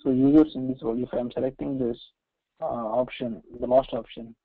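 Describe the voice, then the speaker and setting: Here a man with an Indian accent, his mid-range voice level and creaky, teaches software step by step during a screen share. He falters and repeats, frequently tossing in "right" and "okay" to check understanding. The sound is lo-fi and a bit dull, with a roomy echo.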